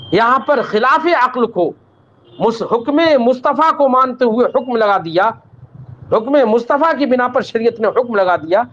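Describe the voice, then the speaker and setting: A man's voice: very high-pitched, fairly bright tone. A man teaching an Islamic law lesson. He recites Arabic text, then explains it patiently, calls the students "child" and checks that they understood. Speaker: religious teacher. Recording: dull lo-fi recording.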